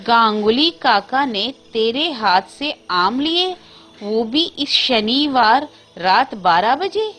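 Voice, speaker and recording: A woman playing a shrill, frantic old mother. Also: lively intonation, takes it slowly, fairly bright tone, soft background music, exaggerated voice. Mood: alarmed. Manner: shrill, alarmed scolding.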